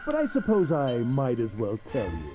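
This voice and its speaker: A woman's voice: a bass voice, wildly swooping pitch, normal speed, over music, pitched below the performer's own voice, heavily acted, rough recording. A woman voicing a smug, cruel middle-aged man villain in a pompous, mocking way while reading a visual novel aloud.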